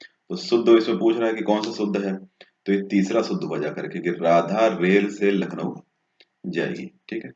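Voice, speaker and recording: Deep-voiced man explaining exam answers. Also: normal speed, darkish tone. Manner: explains step by step, often checks with "ठीक है". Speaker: Hindi exam tutor. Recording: dull, echoey room sound.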